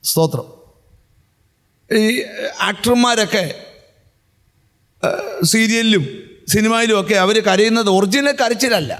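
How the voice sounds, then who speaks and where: High-voiced preaching man in a hall. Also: slow, long pauses, fairly bright tone. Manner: preaching with frequent refrains of praise. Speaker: pastor. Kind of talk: sermon. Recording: hall reverb, church sound system.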